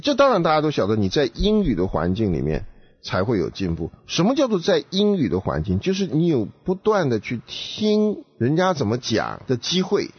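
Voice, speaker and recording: A man's voice: medium pitch, huge pitch swings, moderate pace, breathy edge, highs cut off. A man, co-hosting a casual talk show and giving advice emphatically, with rhetorical questions.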